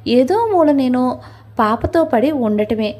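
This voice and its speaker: A woman's voice: sits high, expressive, takes it slowly, a little mellow, full character voice. A woman voicing a young wife and mother who speaks sadly and resignedly. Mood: sorrowful. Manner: sad, resigned.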